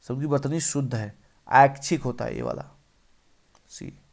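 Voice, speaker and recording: A man's voice: mid-range voice, fairly even intonation, a little slow. A male teacher running an exam-prep spelling lesson, repeating each word and quizzing the viewer.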